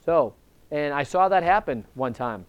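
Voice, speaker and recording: Guy telling a real estate story, kinda high voice, acts out the dialogue. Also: a little slow, clean tone, dull audio. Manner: animated, acts out quoted dialogue. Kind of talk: casual storytelling advice talk.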